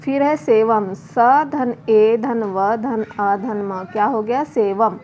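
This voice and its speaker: A woman teacher going slowly through a children's worksheet, spelling words letter by letter and answering her own questions. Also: a little high. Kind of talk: slow worksheet lesson for children. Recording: muffled home video with faint noise.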